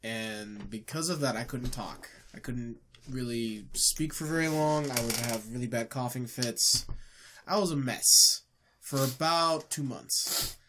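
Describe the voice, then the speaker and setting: Co-hosting a casual gaming podcast, a man with a stuffed-up nose rambles along, piling on fillers, restarting and correcting himself. His voice is medium in pitch and a little slow, and the background is noisy.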